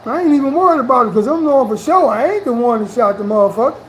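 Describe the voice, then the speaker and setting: High-voiced man telling a street story. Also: animated, rapid-fire, a little hiss or hum, rough recording. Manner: profane street slang, keeps saying "you know what I'm saying". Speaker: interviewee. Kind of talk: casual storytelling.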